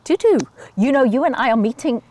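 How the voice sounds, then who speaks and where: A woman's voice: sits high, lively intonation, fairly quick, darkish tone. A woman in her fifties from South Africa, a guest telling her life story in an interview. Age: 50s. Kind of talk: conversational interview.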